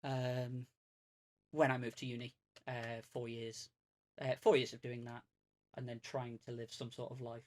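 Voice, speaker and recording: A streamer's guest from Greater Manchester, England, has a medium-pitched voice, a flat delivery and an unhurried pace. In this casual podcast chat he rambles and gets self-deprecating, with frequent fillers and restarts.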